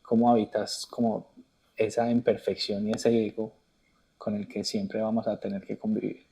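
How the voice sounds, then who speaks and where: Warm, husky-voiced man. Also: fairly low pitch, flat delivery. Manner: thoughtful, builds questions slowly with restarts. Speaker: podcast host. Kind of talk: conversational interview.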